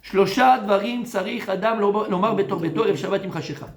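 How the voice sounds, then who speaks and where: Man, rabbi, high voice, informal Talmud class, teasing and familiar, loud urging to soft coaxing, echoey room. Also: brisk. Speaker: rabbi teaching a Torah class. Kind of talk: informal Talmud lesson to a live group.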